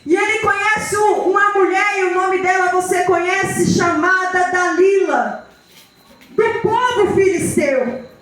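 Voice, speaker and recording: A woman preaching a sermon in a sing-song cadence, breaking into shouted emphasis. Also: very high-pitched, slow pace. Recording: echoey room with faint music.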